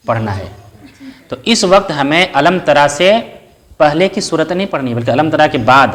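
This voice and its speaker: A man's voice: a little high, a bit bright. A man giving a step-by-step lesson in a patient teaching manner, asking questions and answering them himself and reciting short Arabic prayer phrases. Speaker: religious teacher.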